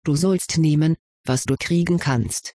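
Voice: mid-range voice, unhurried, warm tone, no room sound. A reader voicing a dry-witted schoolboy wizard. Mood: reasoning, dry. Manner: level-headed, lightly ironic lecturing. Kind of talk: audiobook reading of fan fiction.

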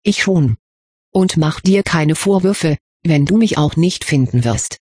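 Reader doing an impatient young male wizard, sarcastic and curt, husky voice, dry sound, audiobook. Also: mid-range voice, animated, a little slow, a little mellow, no echo. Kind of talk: audiobook character reading.

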